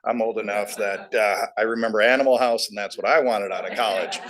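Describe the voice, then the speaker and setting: A man's voice: fairly low pitch, a bit bright. A middle-aged man on a board sharing folksy, anecdotal points with emphasis during a meeting discussion. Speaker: board trustee.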